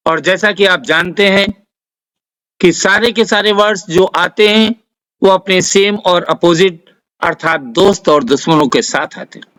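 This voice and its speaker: A man with an Indian accent, teaching a vocabulary lesson, dictating word lists slowly and carefully. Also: high voice, a bit bright, rough recording. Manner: dictates word lists slowly, spells out English example sentences. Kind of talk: slow, deliberate vocabulary lesson.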